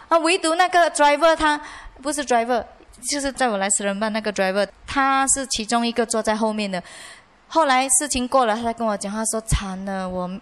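Malaysian nun telling a lively dharma story. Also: female voice, sits high. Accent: Malaysian Mandarin. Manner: lively storytelling, with many chatty sentence-final particles. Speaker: Buddhist nun giving a dharma lecture. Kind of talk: dharma lecture with personal stories. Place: monastery lecture hall.

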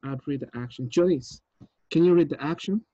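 A man in his thirties directs a table read of a screenplay over a video call, casually reading the script and giving notes. His fairly high voice has a dark tone and normal speed, with no echo, heard from an indoor room through an earpiece with dull video-call audio.

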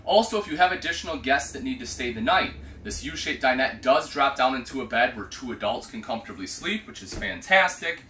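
Chatty guy in his 30s showing off an rv inside a small trailer, bright voice, lots of "you know". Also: mid-range voice, lively intonation, brisk, few pauses, a little hiss or hum. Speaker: RV product specialist. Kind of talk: walkthrough product review.

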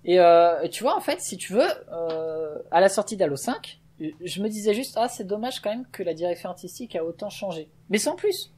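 A man's voice: high-pitched, lively intonation, normal speed, few pauses, darkish tone, breathy edge. A man hosting a let's play, talking in casual gaming chat, passionate and opinionated, going off on a rant.

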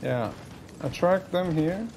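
A man's voice: on the high side, slow, heavy background noise. A man giving casual, offhand commentary while playing a game, often correcting himself and muttering. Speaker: gameplay streamer.

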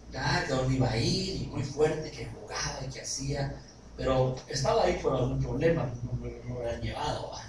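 Preacher in an echoey hall. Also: male voice, medium pitch. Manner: animated, asks the congregation questions. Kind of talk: sermon with anecdotes and jokes. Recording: echoey hall recorded from far off, noisy.

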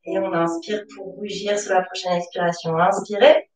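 A woman yoga teacher guiding a class with slow, calm spoken cues and pauses. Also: medium pitch. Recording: roomy, from a distance. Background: soft music.

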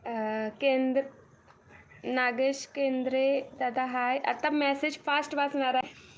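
Speaking slowly in a high-pitched voice with little pitch movement, a young woman hosts a casual live stream from her farm home, where a cattle shed stands nearby. A little hiss or hum is audible while she reads viewers' comments aloud, greets them individually and thanks each by name over and over.

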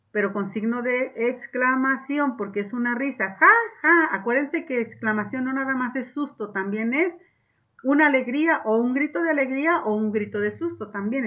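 A woman's voice: fairly high pitch, lo-fi sound. A woman teacher, patiently explaining a lesson to young children and reading example sentences aloud with expression. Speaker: primary school teacher. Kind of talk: online class lesson.

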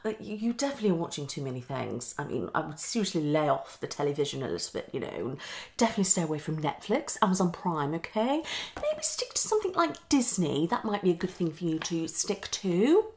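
Low, darkish, and sing-song, a young woman talks fast while playing a psychologist in an improvised ASMR roleplay from a small indoor room at home. She comes across as questioning and unsure, frequently repeating short phrases.

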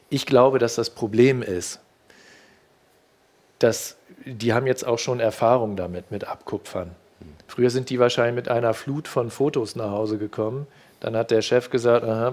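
A man's voice: mid-range voice, darkish tone. Middle-aged man, hesitant studio guest on a headset mic, lots of fillers and restarts. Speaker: reporter recounting a car fair visit. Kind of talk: studio discussion.

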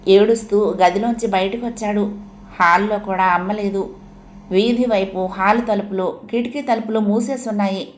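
Woman narrating a story, gentle and unhurried. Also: mid-range voice, fairly even intonation.

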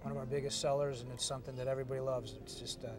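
A man's voice: flat delivery, rapid-fire, over music. A middle-aged man, a restaurant manager chatting easily on camera about his place, with many fillers. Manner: easygoing, filler-heavy host-style pitch. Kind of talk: on-camera interview. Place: restaurant bar and dining room.

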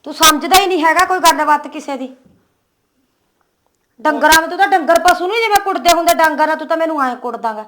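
Woman playing a scolding village wife, high bright voice, sharp tongue. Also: quick pace. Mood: angry. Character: fiery young village wife, quarrelsome. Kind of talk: village comedy drama.

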